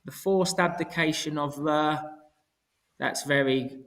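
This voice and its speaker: Higher-voiced man with glottal stops, dropping T's. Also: takes it slowly, a bit bright. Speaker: history teacher co-hosting. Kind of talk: casual live tutoring.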